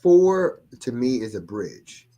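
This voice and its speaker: A man holds forth in a relaxed podcast conversation, his voice rising and falling with lots of movement. He talks in an animated way and swears freely. His pitch sits in an ordinary middle range. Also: slow pace. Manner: animated, swearing, acts out quotes. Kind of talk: casual podcast chat.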